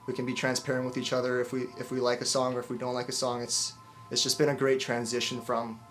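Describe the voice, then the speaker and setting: Relaxed man with a level voice. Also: medium pitch, fast talker, faint music behind. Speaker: band member. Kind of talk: casual interview answer.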